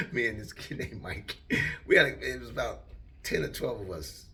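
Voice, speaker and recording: A man's voice: medium pitch, moderate pace, gravelly. An older retired man telling a long casual story in a rambling way, acting out what people said. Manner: rambling, animated, acts out quotes.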